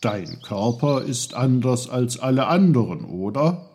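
A man's voice: medium pitch, big pitch swings, measured pace, a little mellow. A man voicing a fussy, know-it-all little uncle who lectures a boy. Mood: lecturing. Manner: busy, lecturing.

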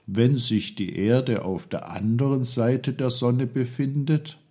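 Kindly teasing storybook mentor, slow and mellow, read by a man. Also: mid-range voice, steady tone, husky. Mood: patient. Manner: patient, explaining, teasing. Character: kindly playful wise male guide.

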